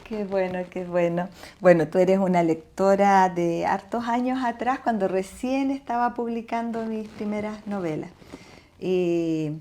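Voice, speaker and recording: Woman show host, mellow tone, mid pitch, interviewing a guest. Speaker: host and novelist. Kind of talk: interview hosting.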